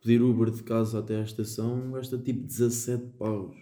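A man's voice: mid-range voice, little pitch movement, brisk, dark tone. A young man with a European Portuguese accent, chatting casually with friends as a podcast co-host in slangy banter. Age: young adult. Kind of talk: casual chat among friends. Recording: roomy, echoing room sound.

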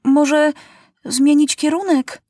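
A woman voicing a young boy king in a storybook reading, with high, excited exclamations. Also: takes it slowly, no echo, studio quality. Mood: worried.

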